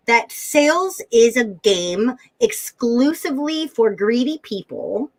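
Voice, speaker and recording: A woman's voice: on the high side, very animated, takes it slowly, poor audio. A woman sales coach speaking as a guest in an interview, emphatic and stacking words for effect. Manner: emphatic, builds lists of words. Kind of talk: animated interview talk.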